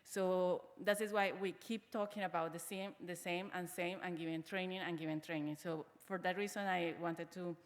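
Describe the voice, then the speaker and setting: A woman's voice: lowish voice, fairly even intonation, moderate pace, few pauses. Hesitant woman in a reverberant hall. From Colombia. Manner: hesitant, many fillers and restarts. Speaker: conference speaker. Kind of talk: conference presentation. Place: conference hall. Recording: large hall with long reverb.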